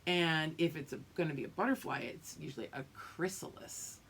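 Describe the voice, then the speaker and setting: A slightly rough, low female voice belongs to a teacher reading a picture book to young children. She lingers over the story expressively, adding explanations and asking whether the class is with her.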